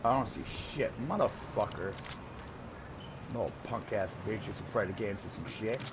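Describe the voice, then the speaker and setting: A man's voice: fairly low pitch, measured pace, background noise. A man playing a video game with a friend, talking casual trash with cocky, profane slang. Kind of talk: casual gaming trash talk.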